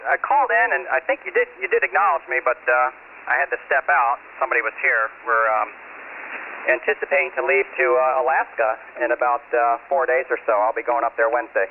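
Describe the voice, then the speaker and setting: A middle-aged man with a deeply gravelly voice, heard over a crackly two-way radio link. He rambles along casually with plenty of fillers. The sound is thin and narrow, with steady hiss underneath. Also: a little fast. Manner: rambling and chatty, with many fillers. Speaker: amateur radio net caller. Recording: hissy narrow-band radio transmission.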